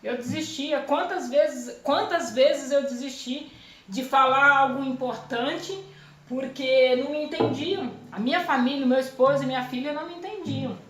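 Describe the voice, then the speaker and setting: A woman's voice: sits high, normal speed, echoey room. A woman from Brazil giving an earnest, emotional religious testimony at home, repeating her phrases, filmed on a phone camera. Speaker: testifying believer.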